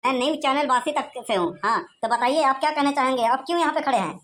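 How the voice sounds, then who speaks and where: A woman's voice: high-pitched, fast talker, a bit bright, a little hiss or hum. A woman voicing a pushy male TV news reporter who talks in formal announcer patter.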